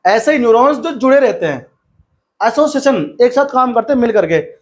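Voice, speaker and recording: Young male science teacher, high-pitched, casual and chatty, tells funny anecdotes and reads English textbook lines slowly. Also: animated. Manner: chatty, tells funny anecdotes, asks and answers his own questions. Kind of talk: casual classroom lecture.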